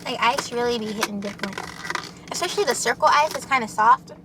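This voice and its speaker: A woman's voice: fairly high pitch, fast talker, background noise. A young woman chatting casually with the camera while eating, chatty and loose, full of fillers. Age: young adult. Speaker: vlogger. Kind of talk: casual mukbang chat.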